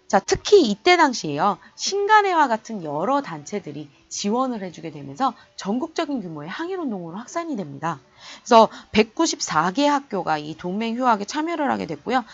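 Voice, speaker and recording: Female history teacher, lively swooping delivery, chatty lecture, slightly muffled recording. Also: mid-range voice, breathy edge. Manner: chatty, animated, colloquial storytelling.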